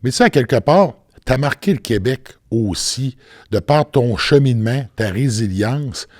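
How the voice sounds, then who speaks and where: A man with a Québécois French accent hosts a casual interview and asks questions in a relaxed, conversational way. His voice sits at a middle pitch and is recorded close and dry, with no room sound. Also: unhurried, dry recording. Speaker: podcast host.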